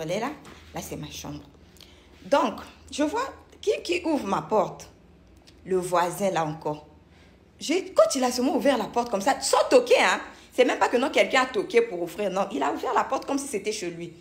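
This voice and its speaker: Indignant young woman telling a story. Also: mid-range voice. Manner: animated, indignant, repeats herself. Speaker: vlogger. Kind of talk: casual storytelling vlog. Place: at home.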